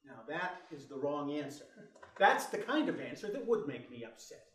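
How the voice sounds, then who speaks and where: A man acts out a bookish middle-aged father in an audio drama. His pitch swings widely, and his manner is probing and articulate, loving yet volatile. He sounds set back from the mic in an echoey room. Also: big pitch swings, moderate pace, a bit bright, distant mic. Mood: measured, probing.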